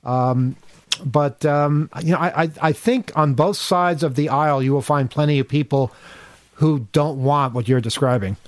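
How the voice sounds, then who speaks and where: A male radio host with a slightly high voice, talking in a loose, halting way full of small restarts. The sound is dry and close. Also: dry recording. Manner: halting, lots of fillers and restarts. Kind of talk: call-in radio chat.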